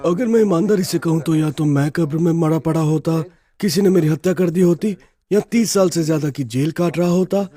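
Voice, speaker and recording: Middle-aged guy telling his story in an interview, kinda high voice, husky, really earnest, keeps asking if you get it. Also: a little fast, dark tone. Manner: earnest, heartfelt, often checks in with the listener. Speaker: interview guest. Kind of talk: personal testimony in a conversational interview.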